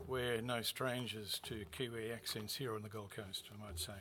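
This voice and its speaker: A man, a university executive, opening a conference with a measured, formal address that carries light touches of humor. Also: on the low side, fairly even intonation, pushed and bright, a little hiss or hum. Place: conference venue.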